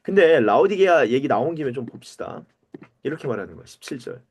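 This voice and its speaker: Animated man teaching Bible study. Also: mid-range voice, quick pace, slightly rough. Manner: animated, asks the group questions and calls on readers. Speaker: pastor.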